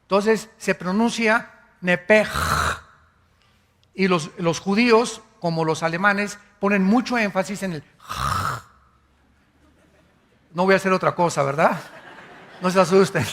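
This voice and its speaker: High-voiced preacher in a reverberant hall. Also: male voice, a little slow, pauses often, fairly bright tone. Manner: teacherly, spells out words letter by letter; asks the congregation questions. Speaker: pastor. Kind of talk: sermon.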